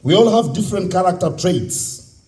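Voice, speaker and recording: Male motivational speaker, Ugandan accent, fairly high mellow voice, exhorting an audience through repetition and rhetorical questions. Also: expressive, moderate pace. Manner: exhorting, repeats key phrases, asks rhetorical questions. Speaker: speaker at a youth convention. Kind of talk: motivational public speech. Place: live on stage at a convention.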